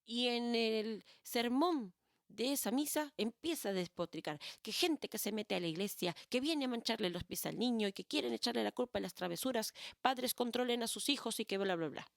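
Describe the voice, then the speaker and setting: A woman's voice: on the high side, moderate pace, creaky, dry recording, studio quality. A Peruvian woman storyteller telling a tale expressively. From Peru. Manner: expressive, animated narration. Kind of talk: oral storytelling.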